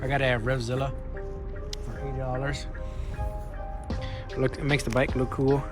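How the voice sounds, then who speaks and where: A man's voice: medium pitch, level tone, normal speed, music in the background. A man talking casually to viewers in a laid-back, slangy way, as a motorcycle vlogger explaining things. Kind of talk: casual vlog talk, explaining bike modifications.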